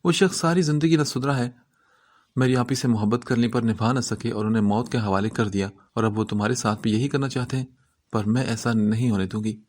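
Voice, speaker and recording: A man's voice: mid-range voice, steady tone, a little mellow, close to an everyday voice. Protective aunt read by a man, bitter, scolding, middle-aged woman, novel reading.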